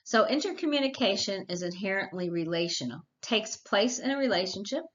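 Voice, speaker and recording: A woman's voice: medium pitch, lively intonation, brisk, fairly bright tone, lo-fi sound. A middle-aged woman giving a recorded college lecture in a chatty, practical way, with personal stories and asides. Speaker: college instructor.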